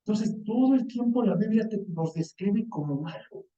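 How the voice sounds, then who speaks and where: A Mexican man with a high, dark, mellow voice delivers a lively, colloquial sermon and slips into the voices of the people he quotes. He sounds distant in a roomy, echoing hall, and the recording is dull and lo-fi. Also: normal speed. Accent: Mexican Spanish. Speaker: preacher.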